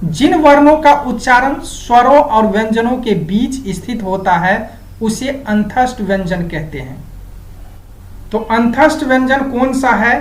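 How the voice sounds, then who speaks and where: Slow, methodical woman teacher, echoey room. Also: fairly high pitch. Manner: slow, methodical, repeats key items. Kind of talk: exam-prep grammar lesson.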